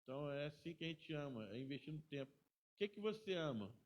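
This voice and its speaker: A middle-aged man, a pastor teaching a Bible school class in a chatty way, often ending sentences with a quick tag question. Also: on the high side, sing-song.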